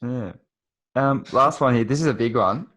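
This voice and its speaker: Young Australian man hosting, mid-pitched. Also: normal speed, fairly bright tone. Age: late teens. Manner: informal, matey. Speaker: podcast host. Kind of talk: casual interview chat.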